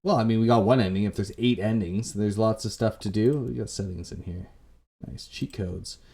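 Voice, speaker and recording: Over atmospheric game music, a Canadian gaming host offers relaxed commentary on his playthrough. His voice is fairly low, gravelly and dark, and he speaks at a moderate pace.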